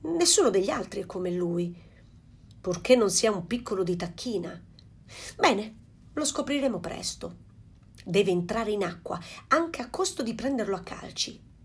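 A woman voicing a proud, fussy mother duck in a storybook reading, with a slightly husky voice. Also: mid-range voice, lively intonation, unhurried.

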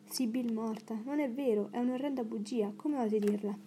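A woman reading an audiobook, voicing an earnest, emotional, impulsive young English gentleman. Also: on the high side, moderate pace, slight background noise, natural voice.

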